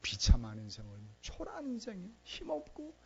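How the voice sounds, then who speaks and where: A man's voice: a little high, very animated, normal speed, highs cut off, slight background noise. An older man preaching a sermon as a pastor, acting out prayers and asking the congregation questions.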